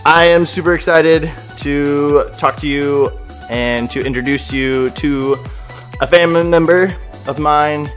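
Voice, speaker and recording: A man's voice: fairly high pitch, a little slow, fairly bright tone, faint music behind. A man hosting a casual podcast interview, upbeat and enthusiastic, with frequent fillers. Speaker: podcast host.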